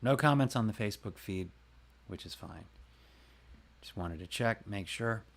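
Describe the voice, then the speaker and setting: A man's voice: fairly low pitch, lively intonation, a little slow, slight background noise. A man hosting his own livestream, chatting casually and a bit rambling, talking to viewers by name about his voice work. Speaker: livestream host and voice actor. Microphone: close desk mic.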